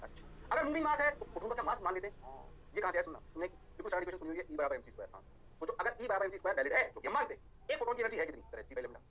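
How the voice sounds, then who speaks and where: A male physics teacher lectures at a very fast clip in a bright, forceful voice. He is playful and keeps checking whether his class has understood. His voice sits fairly high. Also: big pitch swings, slight background noise. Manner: rapid, playful, keeps asking if it is clear.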